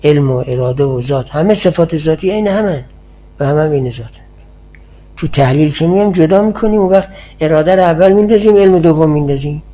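Muffled, husky male lecturer explaining slowly. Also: on the high side, dark tone. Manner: measured, explanatory, answers student questions. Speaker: teacher of Islamic philosophy. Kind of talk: classroom lecture. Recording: muffled lo-fi class recording.

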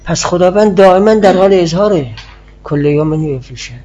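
Muffled, husky male lecturer explaining slowly. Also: high voice, mellow. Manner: measured, explanatory, answers student questions. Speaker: teacher of Islamic philosophy. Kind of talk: classroom lecture. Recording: muffled lo-fi class recording.

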